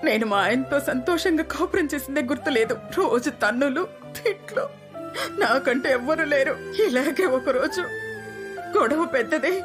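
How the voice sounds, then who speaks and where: An actress dubbing a weary mother of four in her fifties, confessing her failings through tears. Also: high-pitched. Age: 50s. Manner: tearful, confessional storytelling. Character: weary, guilt-ridden mother of four, about fifty. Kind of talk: dubbed film dialogue.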